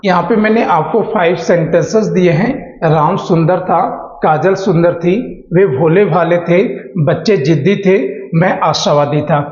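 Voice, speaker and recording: A man with a high voice teaches a beginners' spoken English class. He asks himself questions, answers them, and stretches out each English example slowly. The sound is dull and carries a long echo. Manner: slow, drawn-out English examples, asking and answering his own questions.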